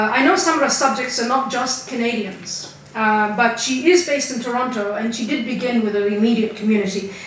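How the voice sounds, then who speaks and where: Female academic lecturer, casual and halting, off-mic in a boomy hall with faint hiss. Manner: conversational, hesitant with fillers. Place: lecture room. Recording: very echoey room, distant mic, faint hiss.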